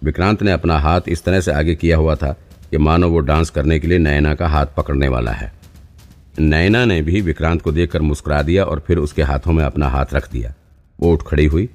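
A man narrates an audiobook in a steady, storytelling way. His voice sits very low and deep, and faint music plays underneath.

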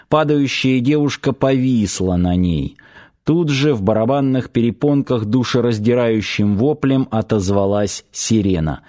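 A man narrating an audiobook in a steady, even storytelling voice. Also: mid-range voice. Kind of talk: scripted narration.

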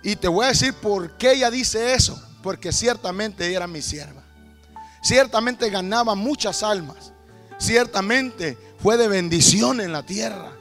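A man voicing God in a sermon story, speaking slowly and solemnly. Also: sits high, expressive, fairly bright tone, soft background music, exaggerated voice. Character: God, calm and grave, explaining.

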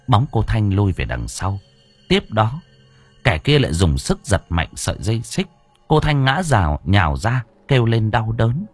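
A man narrating a horror story in a dramatic, expressive way. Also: lowish voice, moderate pace, slightly rough, no echo, faint music behind. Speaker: audiobook narrator.

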